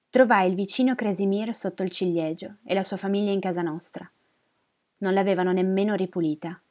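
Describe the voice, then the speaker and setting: A woman reading a first-person story aloud in a measured, somber way. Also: on the low side, a little mellow. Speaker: narrator.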